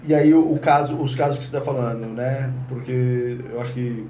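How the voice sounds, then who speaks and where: A man interviewing a guest in a relaxed, conversational way, sharing his own experience and asking questions. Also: medium pitch, normal speed. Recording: roomy, distant mic, faint noise.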